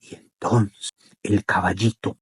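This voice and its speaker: Breathy, expressive storyteller man. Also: lowish voice. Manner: expressive, repetitive, dramatic pauses. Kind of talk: children's story narration.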